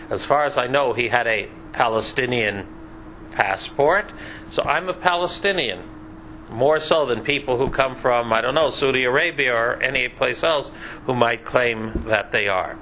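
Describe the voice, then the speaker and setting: Guy teaching a bible class, bright sharp voice, chatty with dry little jokes. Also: medium pitch, a little hiss or hum, rough recording. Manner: chatty, with dry joking asides. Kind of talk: conversational Bible class lecture.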